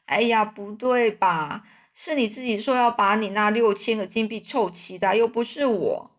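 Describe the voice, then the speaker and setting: A woman voicing a shrill old con man king. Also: normal speed, close to an everyday voice. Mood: whiny. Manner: shrill, pleading and protesting. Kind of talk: storytelling.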